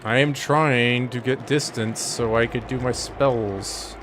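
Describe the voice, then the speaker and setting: A man streaming a game live, commenting excitably, swearing and talking to his chat. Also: medium pitch, takes it slowly, slight background noise. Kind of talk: live let's-play commentary.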